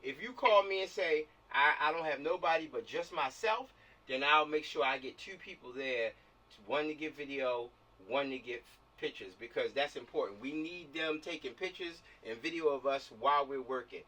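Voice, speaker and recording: An American man, a film production organizer, runs a casual online meeting over a video call, giving directions and repeating his phrases. His voice sits on the high side, with a sharp tone and a moderate pace. The call audio sounds distant.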